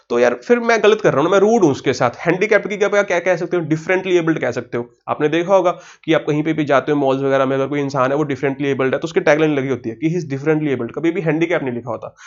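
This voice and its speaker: High-voiced Indian man teaching vocabulary. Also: dull audio. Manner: quizzing, asks then answers his own questions; spells words slowly letter by letter. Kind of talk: online exam-prep lesson.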